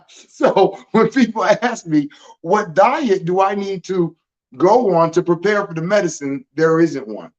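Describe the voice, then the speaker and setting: A man's voice: high voice, animated, takes it slowly, lo-fi sound. A man, born in Germany, explaining venom medicine in a laid-back, casual livestream chat, using vivid analogies.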